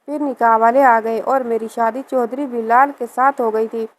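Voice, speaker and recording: This low-quality recording has a woman narrating a first-person story from a script. She sounds steady and even, her pitch somewhat high, never shifting from a single reading pace.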